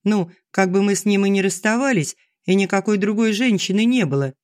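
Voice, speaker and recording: A man reading an audiobook, voicing a gentle, soft-spoken aging schoolteacher who talks earnestly to her friend. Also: high-pitched, fairly quick, no echo, clean studio sound, natural voice. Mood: confiding. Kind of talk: audiobook dialogue.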